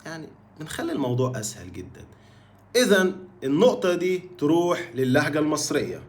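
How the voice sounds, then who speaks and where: A man with a Cairene Egyptian accent teaching an online Arabic lesson, lively and playful, stretching out example words. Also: on the high side, fast talker.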